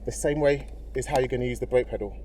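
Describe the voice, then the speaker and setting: A man's voice: medium pitch, quick pace, darkish tone. A man working as a driving instructor, giving casual, encouraging step-by-step instructions and often checking that the learner follows. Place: inside a car in a car park. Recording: vehicle noise in background.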